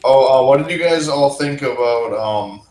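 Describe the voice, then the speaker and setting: A man's voice: medium pitch, normal speed, darkish tone, roomy sound, poor audio. A man, a tabletop game player, chatting in an upbeat way after a session.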